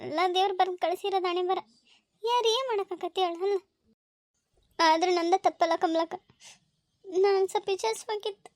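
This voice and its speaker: A woman's voice: very high-pitched, a little fast, pauses often, no echo, clean studio sound. A woman with a North Karnataka Kannada accent playing an anxious village mother in a family comedy-drama, talking in an emotional, pleading and scolding way.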